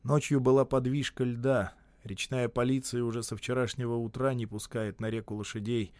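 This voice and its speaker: A man's voice: mid-range voice, little pitch movement, normal speed, darkish tone, dry recording. Man reading a story aloud, dry sound. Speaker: narrator. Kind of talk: scripted literary narration.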